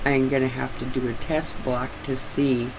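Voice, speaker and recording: An older woman chatting casually and haltingly, with slightly restricted articulation, as if her sore jaw won't open wide. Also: rumbling low, little pitch movement, noisy background. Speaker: craft vlogger. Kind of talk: casual rambling chat.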